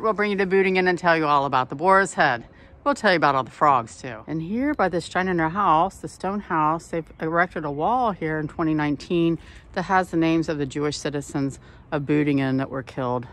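This tour guide's voice sits low and is a bit bright. She narrates a walking tour outdoors along old town streets, talking casually and showing off the sights as she films.

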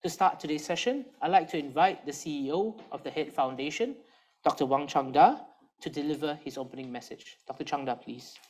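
A woman hosting an event, opening with emphatic rhetorical questions and deliberate pauses. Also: sits low, lively intonation, a little mellow. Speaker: event host.

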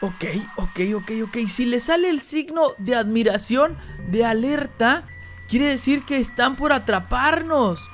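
A man with a strikingly high voice plays through a horror game and talks straight to his viewers. He reads the game's lines aloud in translation, and he yelps and repeats words whenever he gets scared. Soft music runs underneath him. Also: animated, a little slow. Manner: addresses viewers as "chicos". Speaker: gaming YouTuber. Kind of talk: Let's Play commentary translating game dialogue.

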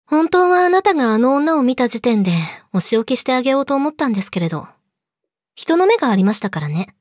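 A young woman playing a yandere girlfriend in a role-play audio drama, politely sweet, possessive and menacing, slipping into breathy whispers, close to the mic. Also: high-pitched, big pitch swings, fast, a little mellow, dry recording. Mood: quietly angry. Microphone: close studio mic, dry.

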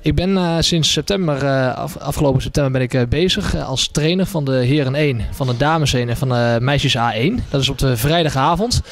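A man's voice: mid-range voice, brisk, hardly any pauses. A young man in his twenties, a hockey trainer, talking hesitantly with many fillers in a casual promo interview. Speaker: hockey trainer and event organizer. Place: small indoor café. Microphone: handheld microphone.

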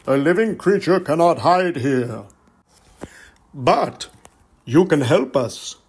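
A woman's voice: low voice, lively intonation, slow, darkish tone, husky, full character voice. A woman doing a dignified island king. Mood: solemn.

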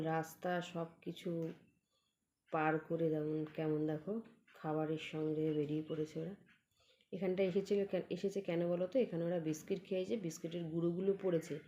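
A woman's voice: mellow, lo-fi sound. A woman filming a casual home vlog, chatting and coaxing her pet dog. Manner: coaxing, chatty, calls the dog in high tones. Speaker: pet vlogger. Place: home room.

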